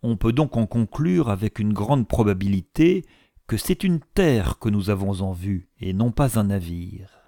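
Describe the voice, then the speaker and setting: Careful, reasoning naval lieutenant in an audiobook, voiced by a man with a warm, gravelly low tone. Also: animated, measured pace, no echo, clean studio sound. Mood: cautious. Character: cautious, level-headed young naval lieutenant. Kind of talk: audiobook character reading.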